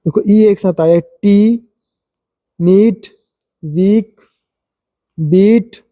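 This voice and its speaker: A man teaching English pronunciation in a spoken lesson, stepping through numbered rules and repeating example words slowly. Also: sits high, dark tone, no room sound.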